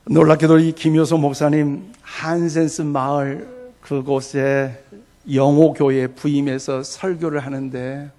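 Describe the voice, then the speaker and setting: A male pastor preaching a Sunday sermon, telling a story with soft asides and sudden loud, emphatic bursts. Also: on the high side.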